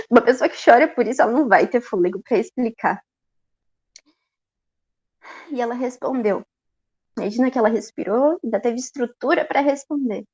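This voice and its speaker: A woman with a Brazilian Portuguese accent giving a conversational Easter sermon, expressive and talking straight to the congregation. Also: fairly high pitch, gravelly, dull audio. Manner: expressive, talks straight to the congregation, laughs often. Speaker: preacher.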